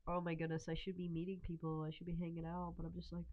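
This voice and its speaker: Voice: mid-range voice, monotone, fast talker. A congested streamer chatting casually while drawing, rambling with lots of fillers and giggles, speaking from a room at home over a voice call. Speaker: streamer, artist. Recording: muffled lo-fi voice call.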